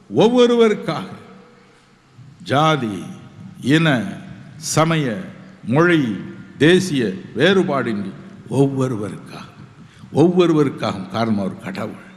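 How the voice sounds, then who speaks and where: A man's voice: mid-range voice, long reverb tail. A man preaching a sermon, emphatic and repetitive, with reassuring appeals to his listeners.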